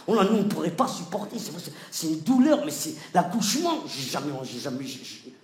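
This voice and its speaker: A man, doing stand-up comedy on a theatre stage, animated and stammering between shouted bits. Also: a little high, brisk. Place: large theatre stage before a live audience. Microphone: stage microphone. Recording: roomy theatre echo with audience noise.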